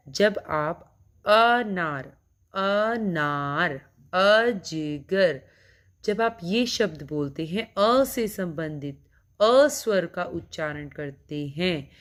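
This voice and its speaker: Female primary school teacher, slow, patient drilling, bright and lowish voice. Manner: slow, drawn-out, repeats sounds and words for children. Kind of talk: recorded classroom lesson for children.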